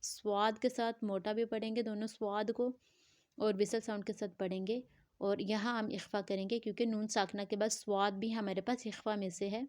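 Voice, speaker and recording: Woman teacher, steady mid voice, dry close sound, patient letter-by-letter drilling. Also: medium pitch, dry recording. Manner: spells words letter by letter, drawing out nasal sounds. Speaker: Quran recitation teacher. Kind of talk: slow spelling-out tajweed lesson.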